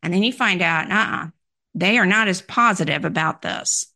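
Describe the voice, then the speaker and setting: A woman giving instructional advice on handling difficult requests, in a measured, explanatory way that poses questions to the listener. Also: on the low side, bright, forceful tone. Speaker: workplace communication coach. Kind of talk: instructional talk.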